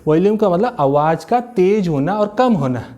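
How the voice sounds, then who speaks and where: This man's high, warm voice has lively intonation and moves at normal speed as he teaches a motivational communication-skills lesson. He breaks ideas into steps, uses examples from daily life, repeats important words, and weaves in English expressions.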